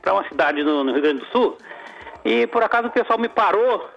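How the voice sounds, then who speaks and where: A man's voice: sits high, expressive, brisk, vocal fry, soft background music. A male caller heard over the phone on a radio call-in show, complaining and often repeating words while he searches for them. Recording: dull phone-line sound on a radio show.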